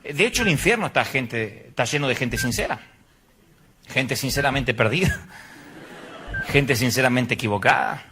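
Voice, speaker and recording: A man's voice: mid-range voice, expressive, moderate pace, pauses often, noisy background. A middle-aged Argentine man preaching a humorous sermon, telling stories with acted voices and sound effects. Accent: Argentine Spanish. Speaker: pastor.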